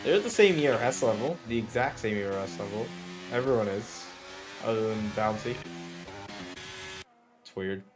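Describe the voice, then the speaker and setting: A man's voice: lowish voice, animated, moderate pace, pauses often, over music. A man giving live motorsport commentary on an online race, following the action in short running phrases. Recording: clearly noisy background.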